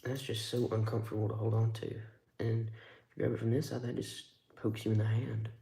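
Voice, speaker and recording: A man's voice: on the low side, level tone, fairly quick, gravelly, dark tone, reverberant. A man streaming live, giving casual, rambling commentary with wry remarks as he handles tools.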